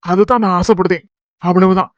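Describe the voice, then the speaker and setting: Woman doing a gentle young cartoon husband. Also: on the low side, steady tone, brisk, no room sound, highs cut off, close to an everyday voice. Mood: coaxing. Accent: Kanyakumari Tamil. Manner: coaxing, reassuring. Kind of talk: cartoon voice acting.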